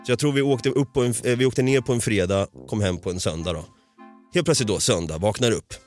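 A man's voice: fairly low pitch, faint music behind. A man from Sweden telling a story in a casual podcast chat, swearing often and laughing as he goes. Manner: swears a lot, animated retelling with laughter.

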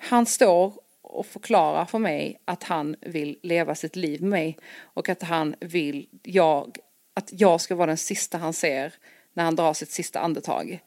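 A woman's voice: low-pitched, no echo, studio quality. A young woman in casual chat, telling a long story with energy and acting out the dialogue. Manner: animated, acts out quoted dialogue. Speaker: podcast co-host telling a story.

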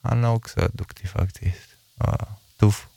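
Young man with a deep, gravelly voice. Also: steady tone, warm tone. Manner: storyteller who acts out what others said. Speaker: guest, MMA fighter. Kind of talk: casual podcast conversation.

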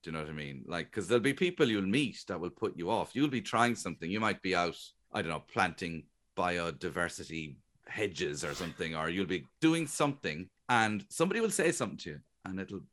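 A man's voice: deep voice, fairly quick, hardly any pauses. A middle-aged Irish man, a guest comedian, talking chattily and jokingly in a radio interview. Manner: chatty, animated, jokey storytelling.

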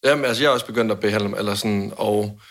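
A man's voice: on the low side, a bit bright. A man co-hosting a casual chat who gives short replies and makes teasing jokes. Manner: laid-back, brief replies and teasing jokes. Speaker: podcast co-host.

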